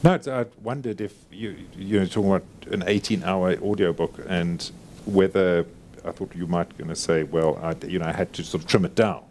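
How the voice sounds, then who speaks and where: Guy interviewing an author, super deep voice, dry jokes, faint noise. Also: a little fast, a little mellow. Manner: dry teasing humor, lots of murmured agreement. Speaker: event interviewer. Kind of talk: live book discussion. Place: bookshop event.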